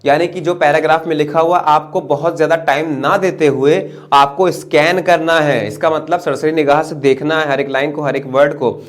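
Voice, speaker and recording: A man teaching an exam-prep English lesson in Hindi, reading English phrases aloud slowly and asking "right?" to check in. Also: a little high. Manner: asks "right?" to check understanding.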